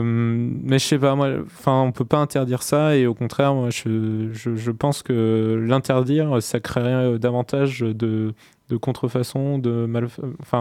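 A man's voice: medium pitch, darkish tone, smooth, no echo, clean studio sound. A man from France on a discussion panel, speaking casually in a hesitant, tentative way.

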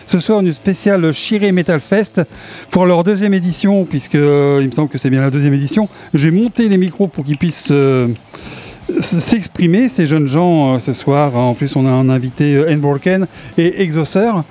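A man hosting a casual metal radio show in a studio, relaxed and chatty with frequent hesitations. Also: on the high side, moderate pace.

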